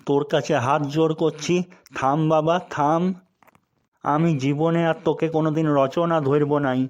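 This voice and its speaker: A man's slightly high voice, flat and lightly acted at a normal pace, voices a sarcastic, scolding village schoolteacher in a cartoon: an exasperated, middle-aged man.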